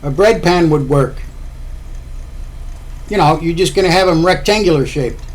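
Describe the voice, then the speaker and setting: For a vlog, a Florida man talks to the camera about his home cooking, rambling, chatting, and circling back to repeat himself. His voice is slightly high for a man, his pace normal, and his unscripted delivery feels like a kitchen-counter explanation, with a little background noise.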